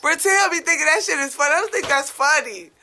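A young woman with a New York accent and a deep-sounding voice co-hosts a casual podcast. She speaks at a quick pace and comes across as blunt, profane and animated.

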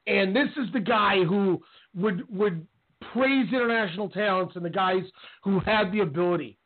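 A man with a high voice, speaking at normal speed, co-hosts a wrestling podcast and rants in heated, casual talk. He comes through a call-in radio line, so the audio sounds tinny, like a phone line.

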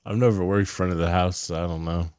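A man's voice: low-pitched, fairly even intonation, fast, darkish tone, clean tone, dry recording, studio quality. A young man co-hosting a podcast, chatting casually and profanely about movies in a rambling, laid-back way. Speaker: podcast co-host. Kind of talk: casual movie-review chat.

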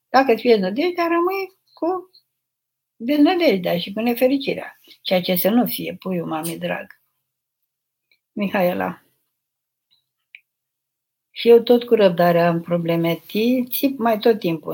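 An older woman with a husky, breathy voice speaks in a gentle and motherly way. She answers viewers' questions slowly, as an abbess giving counsel live. Her pitch sits in a middle register. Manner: gentle, motherly, unhurried, addresses listeners tenderly. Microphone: live stream microphone.

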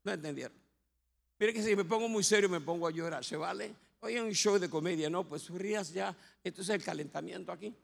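A pastor with a Puerto Rican accent tells his own life story from the pulpit, joking and acting out the people in it. His voice sits high and carries a gravelly edge. It rings out with a long reverb through a church sanctuary. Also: a little fast. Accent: Puerto Rican Spanish. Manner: humorous storytelling with acted quotes. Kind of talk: testimony sermon.

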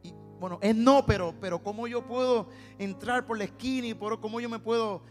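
High-voiced Puerto Rican preacher in a hall. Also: male voice, a little fast. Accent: Puerto Rican Spanish. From Puerto Rico. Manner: storytelling, acts out dialogue, repeats words for emphasis. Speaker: preacher and singer. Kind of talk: sermon with personal testimony. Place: church sanctuary. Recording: long hall reverb with faint music.

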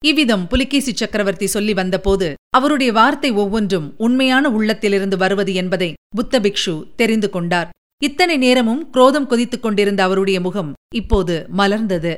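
A woman narrating a historical novel as an audiobook, in a measured, formal storytelling manner. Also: mid-range voice. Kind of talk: scripted narration.

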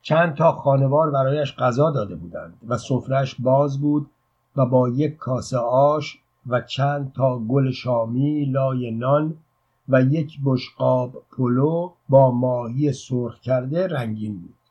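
Husky male audiobook narrator, steady measured reading, muffled lo-fi sound. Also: medium pitch.

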